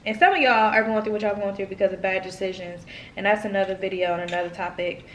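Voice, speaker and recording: A woman's voice: medium pitch, steady tone, fast talker, slight background noise. A woman in her twenties talking casually to camera over a meal, encouraging her viewers and calling them y'all. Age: 20s. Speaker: vlogger. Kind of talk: casual mukbang talk to camera. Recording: echoey room, far from mic.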